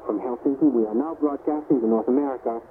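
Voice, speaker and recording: A male station announcer reads the call sign in a measured, deliberate way. His voice comes through a fading shortwave signal, squeezed thin and narrow. Heavy static and hiss sit under every word. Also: medium pitch. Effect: fading shortwave radio reception. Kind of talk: formal station identification. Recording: noisy, thin shortwave broadcast.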